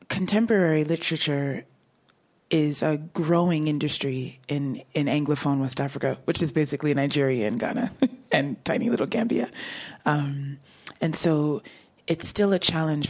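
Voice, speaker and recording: Low and a little mellow, this woman's voice belongs to a novelist speaking at a book event. She talks about her writing in a relaxed, conversational way, takes questions from the audience, and laughs frequently.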